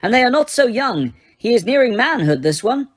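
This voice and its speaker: Woman reader as a hostile grey male centaur; loud, bellowing. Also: fairly high pitch, big pitch swings, brisk, breathy edge, pitched above the performer's own voice. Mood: angry. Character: hard-faced, angry grey male centaur.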